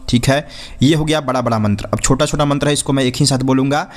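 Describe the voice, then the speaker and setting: A man teaching wedding fire-ritual chants, reciting each verse slowly and deliberately between brief spoken explanations. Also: mid-range voice, fairly even intonation. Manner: slow deliberate chanting of Sanskrit verses with quick spoken asides. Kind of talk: recitation lesson.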